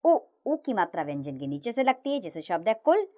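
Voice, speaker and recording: Female teacher voice for a kids' lesson, clear and slow, with lively pitch. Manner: slow, clear recitation of letters with lively sing-song rises and falls. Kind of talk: children's grammar lesson narration.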